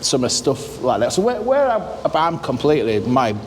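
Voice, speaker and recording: A man's voice: mid-range voice, sing-song, moderate pace, slight background noise. A man co-hosting a casual walking history vlog, talking under an old bridge outdoors with a slight echo. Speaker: co-host.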